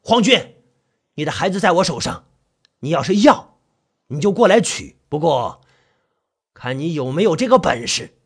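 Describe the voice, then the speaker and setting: Man as a gruff, commanding exorcist. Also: sing-song, moderate pace, pauses often, exaggerated voice. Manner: low, commanding and joking. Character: gruff male ghost-hunting exorcist, bold and dry-humored.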